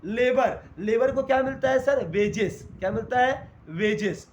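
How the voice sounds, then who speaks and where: A man with an extremely high-pitched voice gives an unhurried classroom lecture in Hindi mixed with English terms, posing questions and answering them himself. The lo-fi recording comes from an echoey room with faint noise.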